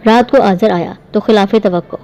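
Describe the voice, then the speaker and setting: A woman's voice: mid-range voice, warm tone, poor audio. A woman narrating a first-person household story and reading every part in one voice with light shifts. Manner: reads all parts in one voice with light shifts.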